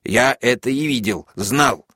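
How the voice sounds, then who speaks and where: A male reader gives voice to a bullying prison major who shrieks his orders in high, shrill bursts. He is furious and domineering, with a voice pushed far above the reader's own low tone. The sound is dry and close, with no room echo. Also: unhurried, bright, forceful tone, slightly rough. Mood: hurried commanding. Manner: shrill screaming outbursts.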